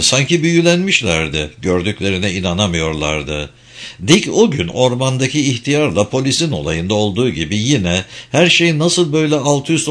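A man reading a dark novel aloud as an audiobook narrator, with expressive delivery. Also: lowish voice.

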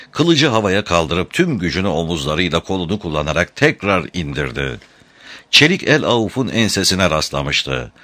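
A man narrating an adventure novel as an audiobook, in a measured, dramatic storytelling manner. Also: low voice, bright, forceful tone, no room sound.

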